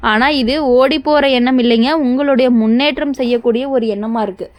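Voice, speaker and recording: A woman's voice: on the high side, fairly even intonation, brisk, darkish tone. A woman presenting a horoscope in a reassuring, scripted way, speaking straight to the listener. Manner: reassuring, repetitive, direct address to listener. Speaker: astrology presenter.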